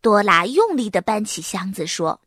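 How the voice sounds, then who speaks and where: A woman narrating a children's storybook in an expressive, storytelling way. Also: mid-range voice, normal speed, husky, no room sound, studio quality.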